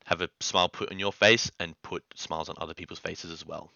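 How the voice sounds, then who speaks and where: A man's voice: low-pitched, fairly even intonation, fairly quick, vocal fry, sharp tone, dry recording, dull audio. A young man talking as a podcast guest in casual chat, earnest and upbeat, often adding "man". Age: young adult. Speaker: podcast guest, gym content creator.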